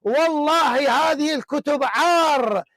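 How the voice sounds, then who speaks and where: A man hosting a heated religious debate, confrontational and repeating his demands, often shouting. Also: very high-pitched, unhurried, no room sound. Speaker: debate show host.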